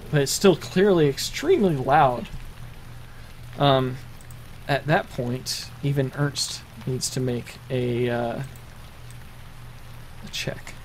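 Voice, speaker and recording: A man with a slightly raised voice leads a tabletop role-playing game as game master. He narrates at an unhurried pace, often stumbling with fillers and starting sentences over. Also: on the high side, slight background noise. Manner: halting, many fillers and restarts.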